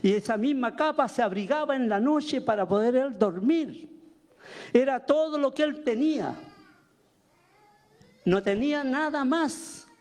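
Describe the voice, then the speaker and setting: A man's voice: very high voice, animated, a little slow, long pauses, darkish tone. A man preaching a sermon as pastor, firing rhetorical questions at the congregation. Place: church.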